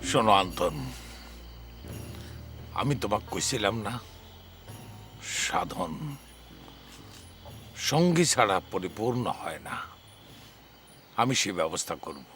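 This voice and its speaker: An actor playing a smooth-talking village guru, lecturing his disciple in a TV drama. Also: lowish voice, very animated, takes it slowly, pauses often, fairly bright tone, soft background music, full character voice. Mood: sermonizing. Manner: soothing, sermonizing. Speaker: spiritual guru. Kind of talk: television drama acting.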